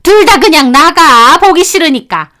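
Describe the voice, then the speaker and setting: Brief: woman as a contemptuous, domineering older mother-in-law in a radio story, very high and sharp. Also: animated, measured pace, heavily acted. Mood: scolding. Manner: scolding, contemptuous.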